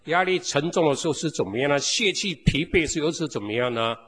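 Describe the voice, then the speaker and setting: Husky-voiced preacher man in reverberant hall. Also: fairly high pitch, expressive, a little fast, fairly bright tone. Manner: constantly asks the congregation rhetorical questions. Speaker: pastor. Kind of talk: sermon.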